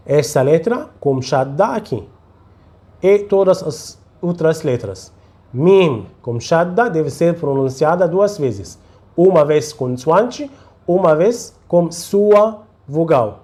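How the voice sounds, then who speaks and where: A man teaching Quran recitation in a slow tutorial, patiently repeating syllables for the learner to follow. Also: fairly high pitch, a little mellow.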